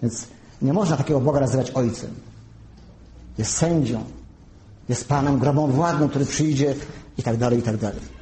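A man delivers a careful teaching sermon, pausing to spell out each term. His voice sits a little high but sounds mellow and warm. The room around him is echoey, with a faint hum of ambience. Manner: measured teaching, spells out terms slowly. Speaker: preacher.

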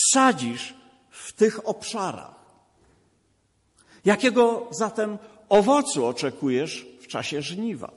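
A man's voice: high voice, fairly bright tone, in a large hall. A man preaching a sermon, asking rhetorical questions and repeating emphatic refrains.

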